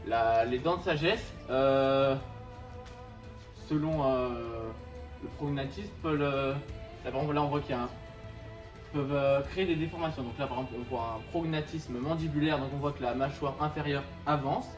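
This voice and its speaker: A young man giving an informal explanatory presentation, halting and restarting his sentences. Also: mid-range voice. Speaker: student presenter. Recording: echoey, distant mic, music behind.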